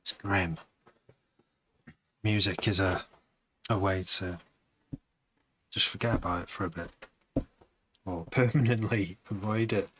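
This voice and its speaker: A man's voice: low voice, fairly even intonation, a little slow, pauses often, fairly bright tone, slight background noise, poor audio. A man who produces music, chatting casually on a live stream, rambling and hesitant with many restarts.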